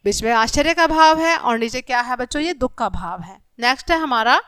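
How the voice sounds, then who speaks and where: A woman teacher giving a grammar lesson to young children, speaking to them directly and reading example sentences slowly and clearly. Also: high voice, expressive, bright, forceful tone, dry recording, clean studio sound.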